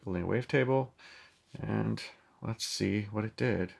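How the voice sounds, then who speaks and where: Speaking at normal speed in a lowish, gravelly voice, the synth demonstrator gives a casual product demo with loose wording and plenty of ums. His mic is plugged into the synth.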